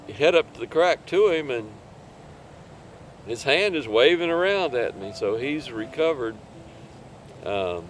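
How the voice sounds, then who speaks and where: An older man, a cave diver, telling a rescue story in an interview with a relaxed, rambling manner and chuckles between points. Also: mid-range voice.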